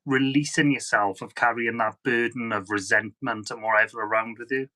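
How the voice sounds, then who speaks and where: Bright-voiced affirming man. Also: mid-range voice, fairly even intonation, moderate pace. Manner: warmly affirming, often agrees. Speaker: host. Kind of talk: spiritual conversation.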